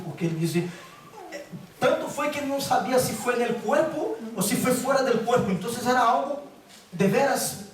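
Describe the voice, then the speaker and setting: A man preaching a sermon to a congregation, emphatic and repetitive, slowing down on key phrases and switching between Portuguese and Spanish. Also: high-pitched, slight background noise. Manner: emphatic, repeats words for stress, slows down on key phrases. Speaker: guest preacher. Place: church sanctuary. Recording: echoey church room, mic at a distance. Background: congregation calling out amens.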